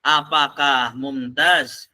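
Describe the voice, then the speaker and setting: A man's voice: medium pitch, fairly even intonation, extremely slow, sharp tone, slight background noise. A man teaching an online Arabic class, quizzing students and praising their answers.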